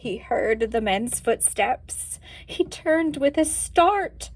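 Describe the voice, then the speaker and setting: A woman reading a picture book aloud, slow and expressive, pausing to ask her listeners questions. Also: high voice, slight background noise. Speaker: storyteller.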